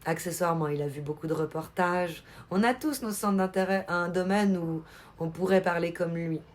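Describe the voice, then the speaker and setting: Chatty woman streaming live. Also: lowish voice. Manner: chatty, laughs often, answers chat. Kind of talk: casual live-stream chat.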